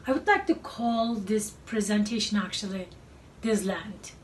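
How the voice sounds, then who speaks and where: Speaking at medium pitch, this middle-aged artist, originally from Turkey and a native Turkish speaker, gives a presentation about her work with a Turkish accent. She talks slowly and haltingly, frequently stopping to find words. She is in a cluttered art studio, recorded by a distant camera mic with faint room noise.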